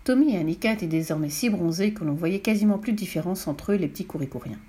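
A woman narrating a children's storybook in a clear, expressive reading voice. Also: lowish voice, fast talker. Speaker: audiobook reader.

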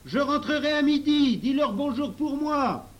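A man's voice: high voice, moderate pace, lo-fi sound, pitched above the performer's own voice, natural voice. A man voicing an eager young boy. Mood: earnest.

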